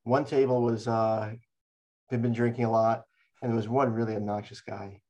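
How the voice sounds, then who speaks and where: A man's voice: mid-range voice, flat delivery, moderate pace, mellow, highs cut off. An older man recalls his memories in an oral history interview. He rambles from one anecdote to the next and often restarts his sentences. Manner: rambling storyteller, frequent restarts.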